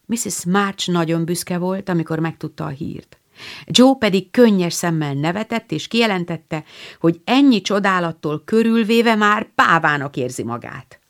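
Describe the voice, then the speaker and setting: Woman reading an audiobook, lowish voice, lots of pitch swing, storyteller. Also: lively intonation. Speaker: audiobook narrator. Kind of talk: scripted narration.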